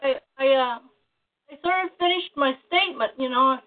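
A woman's voice: high voice, slight background noise. Woman on a phone line that keeps breaking up. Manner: halting, many fillers and restarts. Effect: phone connection breaking up and cutting out. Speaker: phone-in guest. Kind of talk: radio call-in talk.

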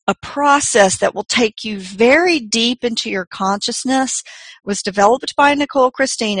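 A woman leading a spiritual workshop, giving exercise instructions and meditation guidance in an unhurried, instructive way with deliberate pauses. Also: fairly high pitch, no echo.

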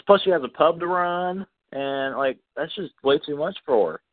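A man co-hosting a casual podcast chat about soap operas, opinionated and quick to laugh. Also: on the high side, dry recording. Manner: chatty, opinionated, laughs often. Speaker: podcast co-host. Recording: tinny phone-like line, dry.

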